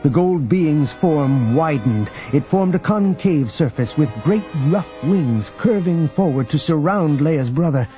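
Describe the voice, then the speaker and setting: A man reads an audiobook in a mellow, dark-toned voice, measured and even throughout. The audio is somewhat dull and faint music plays beneath the narration. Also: on the high side. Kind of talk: scripted narration.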